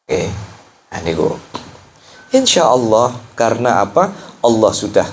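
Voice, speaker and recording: A man with a Central Javanese accent leads a relaxed sermon at a home gathering. His voice sits low and unhurried, and he drifts into slow Arabic chanting between jokes with the listeners. A faint hum of noise runs behind him. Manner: jokes with the audience, chants Arabic prayers slowly. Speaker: ustadz teaching a weekly religious study. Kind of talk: casual sermon mixing Javanese and Indonesian. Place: home study gathering in Semarang.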